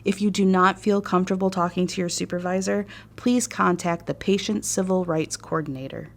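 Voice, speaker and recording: An American woman narrates a staff training course in a somewhat low voice. Her reading is measured, formal, and instructive, with fairly even intonation.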